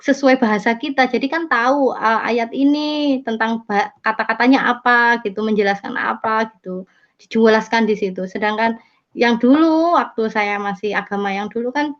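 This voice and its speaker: A woman's voice: on the high side, moderate pace. A young woman from Java giving a rambling, casual spoken testimony as an interviewee, often correcting herself mid-sentence. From Java, Indonesia. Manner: rambling, self-correcting, repeats "gitu". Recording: dull lo-fi interview audio.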